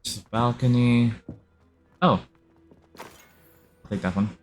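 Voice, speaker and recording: A man streaming a video game live, commenting casually in a relaxed, rambling way with many fillers. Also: medium pitch, slow, soft background music.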